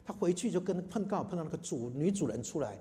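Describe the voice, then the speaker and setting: A man's voice: fairly high pitch, lively intonation, quick pace, warm tone, slight background noise. A man preaching a sermon and telling a story, emphatic, repeating phrases and putting questions to the congregation. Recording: long hall reverb.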